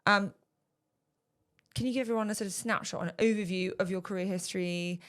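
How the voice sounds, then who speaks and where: A woman hosting a podcast, chatty and quick with questions for her guests. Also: medium pitch. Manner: chatty, lively interviewer. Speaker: podcast host. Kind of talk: casual chat.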